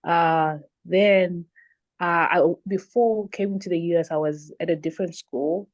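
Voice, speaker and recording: Low-voiced woman from Zimbabwe. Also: steady tone, unhurried. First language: not English. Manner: hesitant, with frequent restarts and fillers. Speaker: panelist. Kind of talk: casual conversational interview answers.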